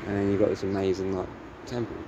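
A young man from England with an English accent, chatting casually in a low-key, musing way as he films a vlog outdoors. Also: little pitch movement, quick pace. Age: young adult. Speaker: vlogger. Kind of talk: casual rambling vlog chat. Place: outdoors on an open hillside temple ground. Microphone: camera at arm's length or propped nearby. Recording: muffled outdoor camera audio, ambient noise.

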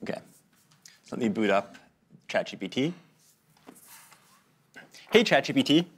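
A man's voice: mid-range voice, expressive, unhurried, slight background noise. A man presenting a live demo in a friendly, casual way.

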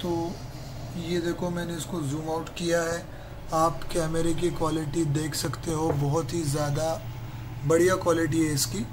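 Chatty high-voiced man in noisy workshop. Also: little pitch movement, a little slow. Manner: chatty, addresses viewers as brother, step-by-step. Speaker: mobile repair technician. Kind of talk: casual how-to walkthrough. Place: phone repair workshop, indoors. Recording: noisy room with street traffic.

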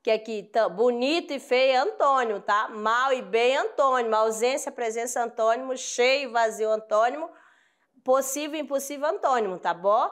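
A woman's voice: a little high, moderate pace. A woman with a Brazilian accent teaching a grammar lesson, patiently repeating examples and often checking that her students follow. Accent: Brazilian Portuguese. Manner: addresses students affectionately.

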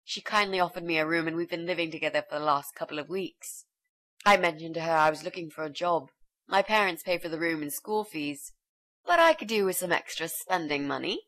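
A woman's voice: low voice, a little fast, fairly bright tone. An actress voicing a bold, chatty young female student in a video game, speaking in a breezy, confident way. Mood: chirpy. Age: young adult.

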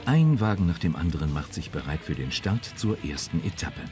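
A very deep male voice reads a polished documentary script, his pitch rising and falling with lively emphasis. He sounds measured and informative, with music running clearly beneath him. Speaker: narrator. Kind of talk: scripted magazine narration.

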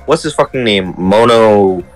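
A man's voice: on the low side, lively intonation, a little slow, faint music behind. Young man with crude, offhand quips. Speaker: let's play gamer. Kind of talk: casual chat while playing a game.

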